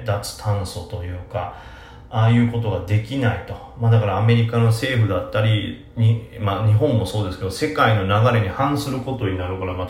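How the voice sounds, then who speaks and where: A man's voice: on the low side, slight background noise. A man with a Kansai accent who hosts a podcast and answers listener questions in a casual, self-deprecating way, with lots of fillers. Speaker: podcast host. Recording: roomy echo.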